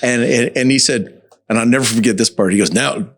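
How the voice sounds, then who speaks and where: A man who is a singer, a guest in an interview, telling stories in a lively, laughing way. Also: mid-range voice, fast talker. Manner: animated storyteller, laughs often. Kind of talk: casual interview storytelling.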